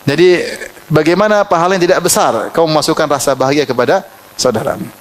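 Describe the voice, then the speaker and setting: A man preaching an Islamic sermon, telling lively personal anecdotes, chuckling often and reciting Arabic verses. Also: fairly high pitch, fast.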